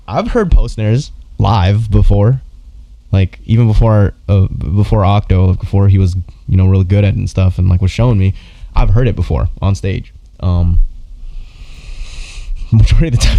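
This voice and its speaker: A man talks through his verdict on a live stream, rambling and full of fillers. His voice sits low with a gravelly, dark tone. The sound is dry and close. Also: no room sound. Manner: rambling, filler-heavy, laughs while talking. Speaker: beatbox judge reacting to entries. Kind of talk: casual live-stream commentary.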